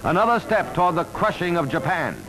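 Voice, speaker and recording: Male narrator for an old newsreel, brisk and emphatic announcer read, raised pitch, music bed. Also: lively intonation, rough recording. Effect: old newsreel soundtrack. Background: loud music score.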